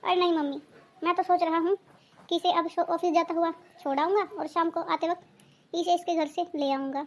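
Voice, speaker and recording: A woman voicing a caring young husband in a cartoon, speaking calmly and reassuringly. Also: very high voice, normal speed. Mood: explaining. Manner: reassuring, calm. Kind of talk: cartoon dubbing.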